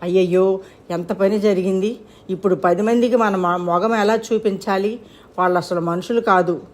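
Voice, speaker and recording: A woman's voice: mid-range voice, steady tone, moderate pace, natural voice. A woman voicing an anxious middle-aged mother who frets and exclaims in a storybook reading. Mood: dismayed. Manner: fretful, exclaiming.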